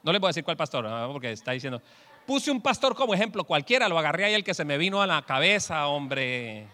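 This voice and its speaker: A man preaching a humorous sermon, an animated storyteller who acts out the quotes in his jokes. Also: on the high side, fast talker. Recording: long hall reverb.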